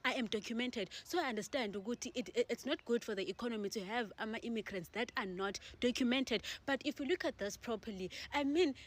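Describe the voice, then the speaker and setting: A woman's voice: a little high, quick pace, hardly any pauses. A woman vlogging in a chatty way, slipping in Zulu words and firing off rhetorical questions. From Zimbabwe. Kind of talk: casual vlog commentary.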